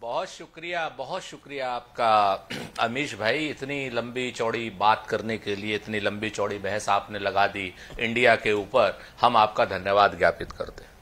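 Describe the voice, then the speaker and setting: A man's voice: on the low side, normal speed, a bit bright. A man arguing as a party spokesperson in a televised political debate, rhetorical and emphatic, quoting verses and repeating phrases for effect. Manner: rhetorical, recites couplets, emphatic and insistent.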